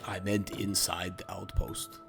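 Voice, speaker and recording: A man's voice: low-pitched, flat delivery, measured pace, gravelly, faint music behind. A man voicing a formal, stern male quest-giver in a tabletop game. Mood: reproachful. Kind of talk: in-character game master speech.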